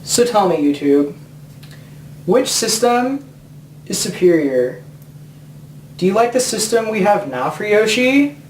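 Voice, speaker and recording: A man's voice: high-pitched, sing-song, slow pace, pauses often, a little hiss or hum. A man giving a profane, rambling comedic rant about video games. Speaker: video game commentator. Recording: roomy sound from a distant mic.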